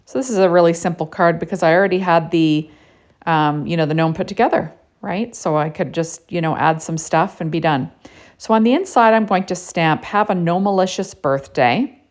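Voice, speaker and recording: A woman's voice: fairly low pitch, normal speed. A woman narrating a casual card-making tutorial in a chatty way, with lots of "you know" and "right?".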